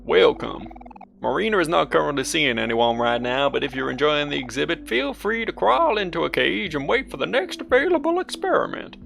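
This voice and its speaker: Male player as old prospector creature, Texan drawl, gravelly, video game character over faint music. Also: fairly high pitch, big pitch swings, fairly quick, a bit bright, pitched above the performer's own voice, heavily acted. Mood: folksy, menacing.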